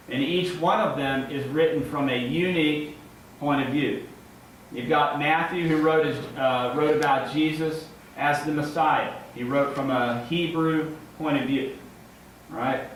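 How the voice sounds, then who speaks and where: Halting man preaching in a very echoey room. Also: fairly high pitch. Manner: halting, with repeated words and restarts; ends points with checking tags like "right?" and "okay?". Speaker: lay preacher giving a first sermon. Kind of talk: informal, conversational sermon. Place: large echoing indoor room, before a congregation. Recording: very echoey room, distant mic, faint noise.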